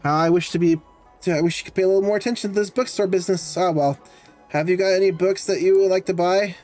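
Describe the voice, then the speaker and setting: A man's voice: high-pitched, fairly even intonation, fast, darkish tone, soft background music, close to an everyday voice. A man reading the lines of a grumbling young male bookstore helper, in a plain voice. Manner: read aloud in a plain voice.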